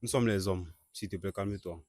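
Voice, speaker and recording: A man hosting a staged street-interview skit, questioning a couple and repeatedly urging an angry guest to calm down. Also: sits low, a little fast, no room sound, clean studio sound. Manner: keeps urging calm, repeats calming phrases.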